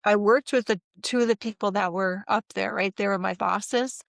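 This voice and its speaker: A middle-aged woman recounting a personal experience in a casual interview, animated and acting out what others said, with frequent laughs. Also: mid-range voice, normal speed, creaky, no echo, clean studio sound. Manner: animated, acts out quoted voices, laughs often. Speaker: interview guest.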